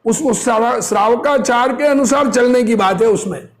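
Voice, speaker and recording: Speaking at a moderate pace in an extremely high-pitched voice, a male religious teacher delivers an informal sermon. He reads from a discourse and explains it in a didactic way, repeating phrases and asking rhetorical questions.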